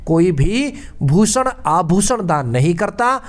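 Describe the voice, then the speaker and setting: Male quiz teacher, high voice, casual exam-prep patter full of puns and repetition. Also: very animated, slow pace. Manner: playful punning, chatty repetition.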